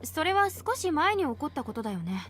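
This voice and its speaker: A woman's voice: sits high, sing-song, brisk, a bit bright, faint music behind. An actress voicing a skeptical young woman in a game who asks direct questions. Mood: questioning.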